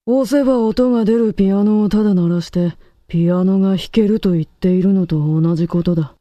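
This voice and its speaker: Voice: mid-range voice, fairly quick, warm tone, no echo. A co-host who delivers stern, lecturing verdicts in short declarative sentences. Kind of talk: terse authoritative pronouncements.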